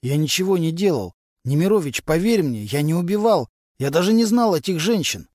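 A man voicing a desperate middle-aged male murder suspect who pleads and yells in panic. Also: a little high, lively intonation, brisk, dry recording, studio quality, voice pushed up. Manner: pleading, then yelling in panic.

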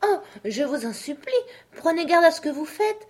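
A woman's voice: high-pitched, lively intonation, normal speed, voice pushed up. A woman voicing a polite, timid young girl in a storybook reading, earnest and a little anxious.

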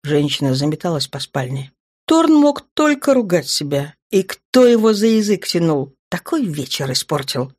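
A woman narrating a romance novel in an even, measured reading, recorded on a close mic. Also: on the low side, no echo. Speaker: audiobook narrator.

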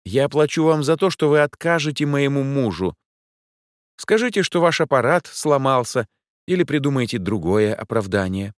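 A man doing a shrill, haughty rich lady. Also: lively intonation, no echo, clean studio sound, natural voice. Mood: imperious. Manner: shrill, imperious, quick to panic. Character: fussy rich woman client, haughty and nervy.

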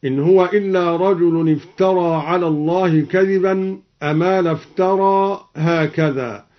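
A man explaining variant Quran readings and then demonstrating each one in drawn-out, melodic recitation, from an archive radio recording. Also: high voice, steady tone, muffled recording.

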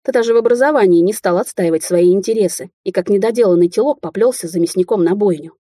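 A woman's voice: medium pitch, fast talker, warm tone, no echo, clean studio sound, close to an everyday voice. Woman voicing a fiery, accusing young woman. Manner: heated, accusing.

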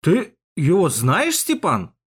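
A man doing a shouty hothead youth. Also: a little high, huge pitch swings, takes it slowly, husky, pitched above the performer's own voice, full character voice. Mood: aggressive. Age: young adult. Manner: loud, shouting, belligerent. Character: hot-headed young male Komsomol leader, quarrelsome.

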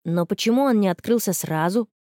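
A woman voicing a sly, teasing teenage girl, speaking lower and quieter. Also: fairly quick, no echo, studio quality, natural voice.

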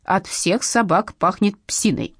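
A woman's voice: low voice, sing-song, moderate pace, a little mellow, husky, no echo, clean studio sound, voice pushed down, full character voice. A woman voicing a fussy, pompous man who complains dramatically about feeling ill. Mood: whiny. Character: fussy, sickly, pompous male office worker.

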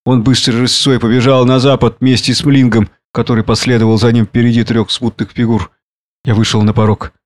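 A man narrating an audiobook in a measured storytelling manner. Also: medium pitch, level tone.

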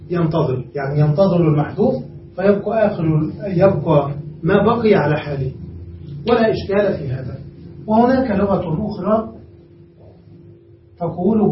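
Male grammar teacher, high-pitched, explains patiently step by step and checks in with students; recorded far off in an echoey room. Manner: explains step by step, often asks the class "understood?". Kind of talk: classroom grammar lesson. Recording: roomy, distant, dull lo-fi room recording with faint noise.

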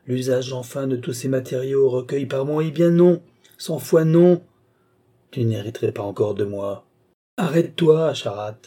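A man voicing a dying old alchemist who pleads, rages and screams in a hoarse, harsh voice. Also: mellow. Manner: shrill pleading cries turning to furious screams. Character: dying old male alchemist, raging and vengeful.

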